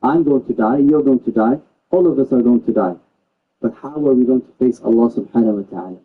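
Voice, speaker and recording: A man's voice: medium pitch, fairly quick, narrow, tinny audio, slight background noise. A man from England giving an Islamic lesson, speaking earnestly and repeating himself often. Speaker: Islamic teacher. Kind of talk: religious lesson to a gathering.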